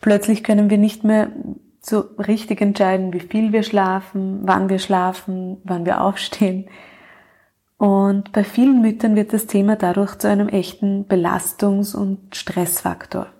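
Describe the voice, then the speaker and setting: A woman hosting a podcast with calm, measured scripted narration, addressing the listener directly. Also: medium pitch, breathy edge. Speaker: podcast host, coach for mothers.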